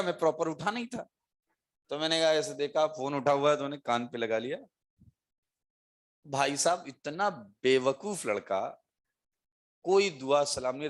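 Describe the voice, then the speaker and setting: A middle-aged man teaching chemistry, telling a lively story to his students and laughing as he acts out the voices of the people in it. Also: medium pitch.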